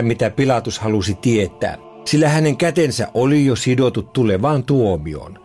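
A man's voice: medium pitch, a little mellow. Man giving reflective devotional commentary. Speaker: devotional speaker.

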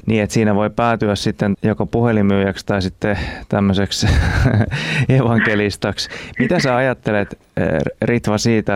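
A man hosting a radio interview, asking questions in a relaxed, conversational way. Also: on the low side, smooth, no echo. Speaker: radio show host.

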